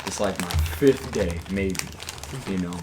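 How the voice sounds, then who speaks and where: Low-voiced young man telling stories. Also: a little slow, background noise. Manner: rambling, profane, with frequent restarts and fillers. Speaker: podcast co-host. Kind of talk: casual storytelling with friends.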